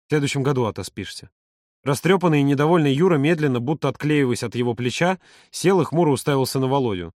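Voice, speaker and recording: Guy narrating a book, even steady read, dry close sound. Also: mid-range voice, dry recording. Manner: even, measured reading. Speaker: audiobook narrator. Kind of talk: scripted narration.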